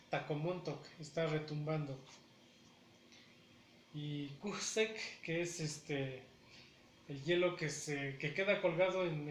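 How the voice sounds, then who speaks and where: Man, language teacher, very slow and deliberate, slightly high voice, echoey room with faint background noise. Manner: repeats words syllable by syllable, deliberate. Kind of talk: slow pronunciation lesson.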